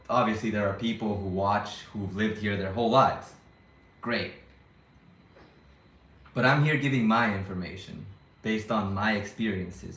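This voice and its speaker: Speaking to his viewers in a casual vlog, a young YouTuber based abroad wanders through his thoughts, second-guessing himself and restarting often. The lowish voice has a fairly bright tone and echoes in the room.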